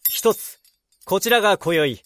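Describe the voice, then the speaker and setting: An actor playing a courteous, creepy butler with deferential, measured, formal speech in a drama. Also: male voice, high voice, lively intonation, a bit bright, dry recording. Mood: polite. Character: courteous, eerily formal male butler to a young mistress.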